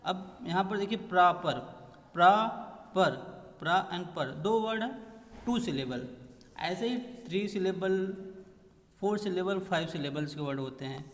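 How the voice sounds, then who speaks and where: A man with an Indian accent teaching an English grammar lesson in a mix of Hindi and English, repeating words slowly and checking whether students understand. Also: sits high, animated, in a large hall, rough recording.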